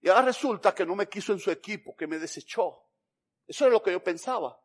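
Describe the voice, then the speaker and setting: A man from Cuba, preaching a sermon as an evangelist, telling his story dramatically with sudden swings between loud and hushed delivery. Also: sits high, expressive, quick pace.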